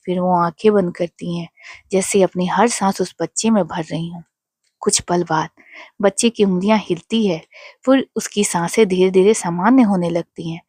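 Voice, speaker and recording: A woman narrating a devotional story in a measured, emotional way. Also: medium pitch, a little mellow, dry recording, clean studio sound.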